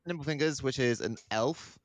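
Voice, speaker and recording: A man's voice: medium pitch, moderate pace, no echo. A man chatting casually as a player in a tabletop role-playing game.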